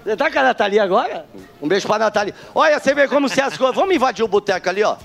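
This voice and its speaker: Cheeky high-voiced male street reporter. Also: animated, rapid-fire, gravelly, fairly bright tone. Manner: teasing, cheeky. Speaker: roving comedy street reporter. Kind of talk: joking street interviews, casual banter. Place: city street and shops.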